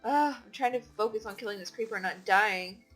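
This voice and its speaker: A tired gaming channel host, yawning, comments casually on her gameplay, rambling with plenty of fillers and restarts. Her mid-range voice is brisk and a bit bright, with soft music in the background.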